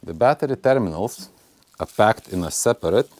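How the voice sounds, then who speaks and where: Testing a battery on a stone barn patio, this vlogger opens with a scripted voice-over and then chats casually on camera. His deep, slightly mellow voice has lively intonation and normal speed, captured dry with no echo on a clip-on lapel mic. He addresses viewers as "guys" in friendly, non-native phrasing.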